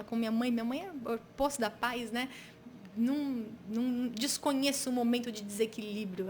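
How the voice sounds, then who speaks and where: A woman's voice: fairly high pitch, a little hiss or hum. A Brazilian woman pastor, an interview guest, telling a personal story in an earnest, reflective way with frequent restarts.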